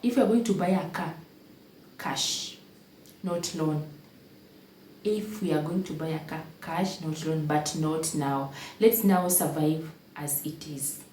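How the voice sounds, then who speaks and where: A woman's voice: deep voice, takes it slowly, a little mellow, distant mic. A young Kenyan woman telling her own life story to the camera, emotional and repeating phrases for emphasis. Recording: echoey room, voice a bit off-mic, faint background hum.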